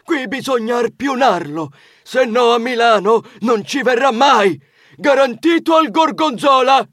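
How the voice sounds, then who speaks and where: A man's voice: extremely high pitch, expressive, a little slow, fairly bright tone, no room sound, studio quality, pitched above the performer's own voice, exaggerated voice. A man voicing a cheeky, boisterous male mouse cousin who teases mockingly.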